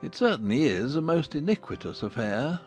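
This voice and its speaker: A man playing a wry, teasing middle-aged husband and father in a dramatized audiobook, measured and drily ironic. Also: on the high side, big pitch swings, faint music behind. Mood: dryly teasing.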